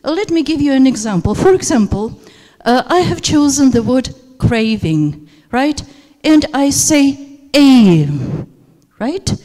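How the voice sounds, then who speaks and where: A teacher trainer, Russian by first language, gives a workshop lecture in a seminar room using a handheld microphone, and hall reverb is audible. Her high, warm voice has lively intonation and an unhurried pace with few pauses, while her speech stays hesitant and filled with fillers.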